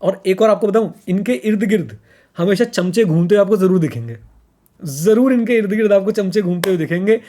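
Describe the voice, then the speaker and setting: A man's voice: high voice, brisk, warm tone, a little hiss or hum. Emphatic man co-hosting a podcast. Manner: emphatic, repeats points, mixes in English phrases. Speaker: podcast co-host. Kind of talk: casual podcast discussion.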